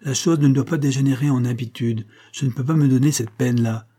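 A man's voice: medium pitch, steady tone, mellow, lightly acted. A man doing a bossy cheeky boy servant. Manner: brisk, ordering.

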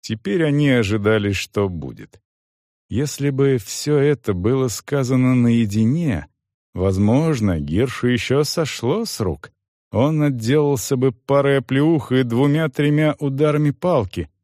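Male audiobook narrator, lively intonation, unhurried delivery. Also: mid-range voice, dry recording, clean studio sound.

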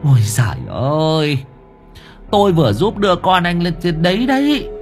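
A man voicing a fussy old village woman who fusses over the neighbors and scolds loudly. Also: very animated, normal speed, faint music behind. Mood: worried. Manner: loud, shrill scolding.

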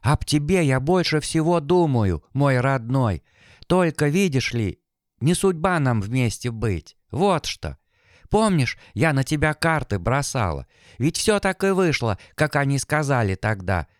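A man reading an audiobook, voicing a gentle, fatalistic young village woman in an earnest, pleading manner. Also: medium pitch, very animated, a little slow, dry recording, clean studio sound. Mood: tender.

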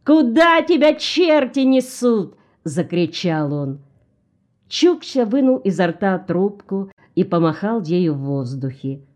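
A woman reading a novel aloud as narrator in a slow, even storytelling voice. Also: fairly low pitch. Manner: slow, even storytelling, lifting her voice for excited characters.

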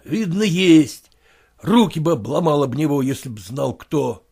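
A man's voice: fairly high pitch, expressive, unhurried, gravelly, darkish tone, husky, heavily acted. A man reading aloud, voicing a flustered, indignant middle-aged merchant in a storybook. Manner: agitated, indignant outbursts.

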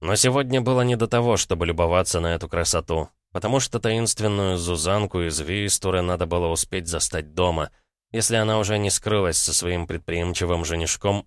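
A man narrating an audiobook in a steady, expressive storytelling manner. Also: deep voice, a little fast, smooth, dry recording, clean studio sound. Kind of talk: scripted narration.

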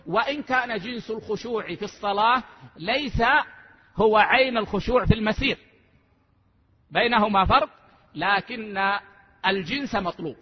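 A man with a high, husky voice delivers a measured religious lesson, repeating key phrases so they sink in. He sounds like he is in a large, echoing hall, and the recording is dull and lo-fi. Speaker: sheikh teaching a lesson. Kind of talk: religious lesson explaining a text.

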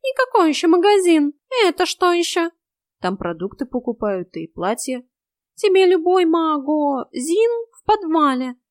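A woman's voice: high-pitched, very animated, unhurried, dry recording, clean studio sound, voice pushed up. A woman voicing a grumpy, rude male house cat who scolds and carries on theatrically in a storybook. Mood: agitated.

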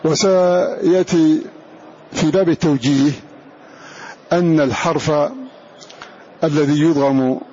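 A man teaching a Quran recitation lesson, who slowly repeats each example phrase and draws out its sounds. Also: fairly high pitch, fairly even intonation, mellow. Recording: dull lo-fi lecture recording with faint hiss.

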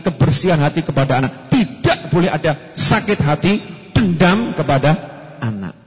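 A male preacher giving a sermon, lively, moving between soft and emphatic delivery. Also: a little high, moderate pace. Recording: echoey hall, dull lo-fi sound.

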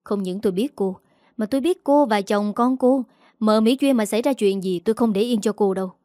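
A woman's voice: mid-range voice, fairly quick, warm tone, no room sound, clean studio sound, lightly acted. A woman voicing an angry young man who scolds his uncle with contempt, in an audiobook story. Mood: threatening.

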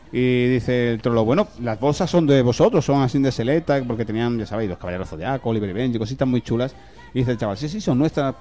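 A man from hosting a podcast, telling anecdotes in a lively, casual way with swearing and laughter. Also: medium pitch. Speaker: podcast host. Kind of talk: casual chat, storytelling.

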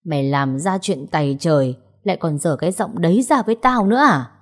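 A woman's voice: fairly low pitch, animated, brisk. A woman voicing a furious older official father. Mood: furious scolding. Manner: shouting, scolding harshly. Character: furious older male vice chairman, domineering father.

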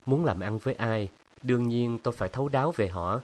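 A man voicing an assured older art collector in a storybook reading, speaking smoothly and without hurry. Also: medium pitch, brisk, a little mellow, lightly acted.

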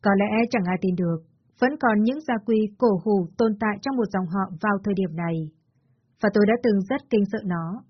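Woman, storytelling narrator, emotional first-person drama, husky voice, lo-fi dry sound. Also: medium pitch.

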